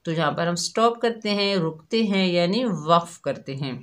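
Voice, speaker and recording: A woman's voice: on the low side, moderate pace. A woman teaching Quran recitation, patiently spelling out each syllable and repeating it. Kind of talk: slow step-by-step recitation lesson.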